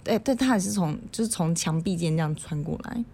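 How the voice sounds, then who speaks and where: A woman in her thirties from Taiwan co-hosts a casual podcast, telling childhood ghost stories. An animated storyteller, she acts out quoted voices and laughs often. Her voice is fairly low-pitched and fairly quick, with a breathy edge.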